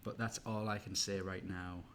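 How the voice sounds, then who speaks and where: A man's voice: deep voice, little pitch movement, normal speed, slight background noise. A man co-hosting a game live stream, upbeat and promotional in casual chat.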